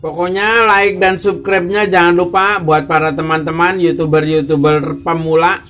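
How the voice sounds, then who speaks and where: A man's voice: fairly high pitch, fairly even intonation, moderate pace, fairly bright tone. A man vlogging casually with tips for beginner YouTubers, joking and repeating his phrases as he addresses viewers. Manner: jokey, repeats phrases, greets viewers as bro, guys, ma'am, sir. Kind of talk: casual chatty vlog.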